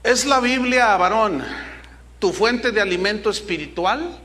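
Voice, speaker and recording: Middle-aged pastor, man, preaching a sermon; high, bright, emphatic delivery with lots of rhetorical questions. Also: a little slow.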